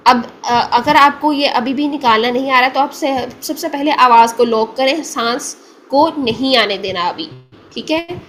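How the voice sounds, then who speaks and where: A woman teaching Quran recitation, patiently explaining and repeating single sounds slowly for the learner to copy. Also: fairly high pitch, fairly bright tone, a little hiss or hum. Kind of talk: tajweed pronunciation lesson.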